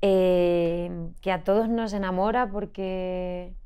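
A young woman from Spain, a singer being interviewed on a podcast, telling stories in an animated, laughing way. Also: fairly low pitch, slow, clean tone. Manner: animated storytelling with frequent laughter. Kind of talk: casual interview chat.

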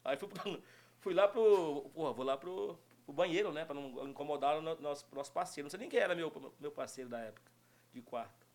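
A middle-aged man telling stories in casual chat, animated and laughing often. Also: on the high side, fairly quick. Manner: animated storytelling with frequent laughter. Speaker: guest storyteller.

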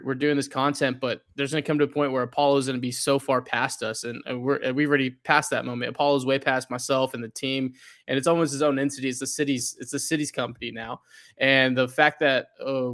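A man of middle pitch talks as a guest in a relaxed podcast chat. He speaks earnestly but haltingly, often restarting and repeating words before he finds his point. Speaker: podcast guest, fan media creator. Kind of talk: casual podcast interview.

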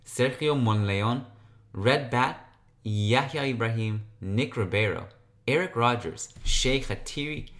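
A man's voice: medium pitch, a bit bright. A man hosting a sports podcast solo, talking casually in a rambling, conversational way.

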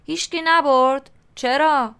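A woman's voice: sits high, steady tone, bright, forceful tone, voice pushed up. A woman reading a nosy, blunt teenage roommate. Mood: prying. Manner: blunt, nagging questions. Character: nosy grubby eighteen-year-old schoolboy, tactless and dense. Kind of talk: audiobook character reading.

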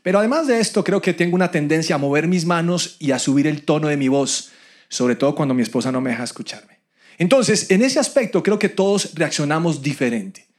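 A man speaking earnestly to viewers as a church speaker on marriage, telling stories and building his points through repetition. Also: on the high side.

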